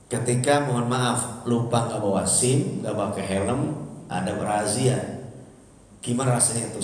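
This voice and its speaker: A man's voice: medium pitch, recorded from a distance. Man preaching in an echoey hall. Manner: lively, jokey, acts out little scenes and asks the audience questions. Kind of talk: sermon to a live congregation. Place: large echoey hall or mosque. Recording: very echoey hall, faint ambience.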